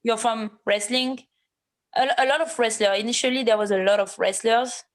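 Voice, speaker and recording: A woman's voice: a little high, fairly even intonation, normal speed. A woman in her thirties from France, speaking English as a guest in a casual interview, hesitant with many fillers and restarts, and blunt at times. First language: French. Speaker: MMA fighter, interview guest.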